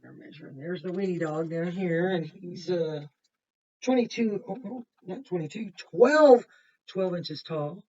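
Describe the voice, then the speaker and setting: A kindergarten teacher reads a picture book to children, adding simple explanations, pointing things out, repeating, and asking questions. Her voice is fairly low and dark-toned, with a measured pace. The microphone is distant, giving a muffled sound.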